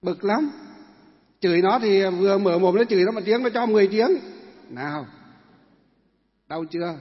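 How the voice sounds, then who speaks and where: A man, a monk giving a sermon to a large audience, chatty, quizzing listeners and acting out family quarrels. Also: high-pitched. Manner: conversational, asks the audience questions, acts out family quarrels. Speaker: Buddhist monk. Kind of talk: dharma talk sermon. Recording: dull echoey hall recording.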